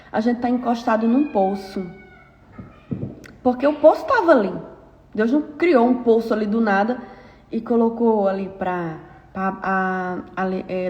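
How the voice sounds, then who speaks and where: A woman's voice: fairly high pitch, a little mellow. A woman with a Brazilian Portuguese accent giving a devotional Bible reflection, telling the story with feeling and acting out the dialogue. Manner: emotive storytelling, acts out dialogue. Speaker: lent diary speaker. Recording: reverberant, muffled audio.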